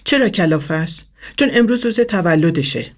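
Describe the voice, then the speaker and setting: A man voicing an old woman in a rocking chair, falsely kind and quietly menacing. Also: sits high, animated. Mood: coaxing.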